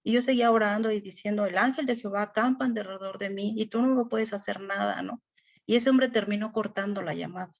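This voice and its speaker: A woman's voice: medium pitch, quick pace, dull audio. A middle-aged woman, sharing a personal faith testimony in a Bible study class, earnest and emotional with many fillers.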